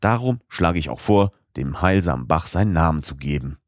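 A man's voice: low-pitched, lively intonation, normal speed, no echo, clean studio sound. A man reading as an eager old professor. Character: excitable older male professor, eager and commanding. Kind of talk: audiobook character voice.

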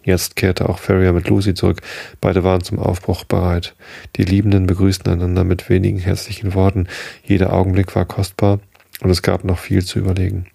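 Deep gravelly German-book narrator man. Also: completely flat delivery, brisk, mellow, no echo, studio quality. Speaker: audiobook narrator. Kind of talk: dramatic literary narration.

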